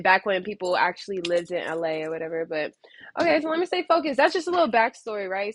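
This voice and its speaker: Young SoCal woman, mid-pitched, rambling casual vlog delivery with excited pitch spikes; close, dry recording. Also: dry recording. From Southern California. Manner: meandering, heavy use of "like", sudden excited jumps in pitch. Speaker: vlogger. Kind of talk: casual reflective monologue. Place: a friend's home, indoors.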